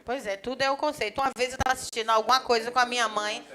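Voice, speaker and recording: A grammar teacher, giving a lively classroom lecture. She chats with students and acts out little dialogues. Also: a little high, very fast. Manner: lively, chatty, acts out little dialogues, often points things out with "ó". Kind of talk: live classroom lecture for a civil service exam course.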